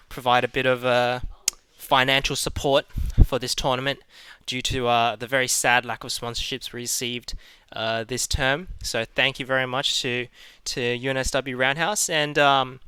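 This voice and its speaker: Bright, clear male esports caster. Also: medium pitch, no room sound. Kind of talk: esports caster commentary, hyping a match.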